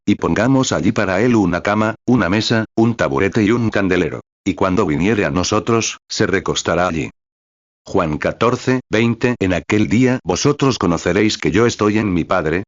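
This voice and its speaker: A man with a low voice delivers a sermon, reading scripture aloud and naming each chapter and verse before he reads it. He breaks in with fervent interjections between the passages. The recording is dull and lo-fi, with a dry, close sound. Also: no echo. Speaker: preacher.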